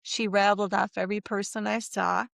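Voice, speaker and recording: A middle-aged woman recounting a personal experience in a casual interview, animated and acting out what others said, with frequent laughs. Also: medium pitch, moderate pace, gravelly, dry recording, studio quality. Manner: animated, acts out quoted voices, laughs often. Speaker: interview guest.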